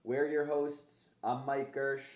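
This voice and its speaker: A man's voice: mid-range voice, level tone, slow. A man hosting a casual fitness podcast, talking conversationally with gym-bro slang and casual swearing. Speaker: podcast host. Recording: roomy, echoey sound.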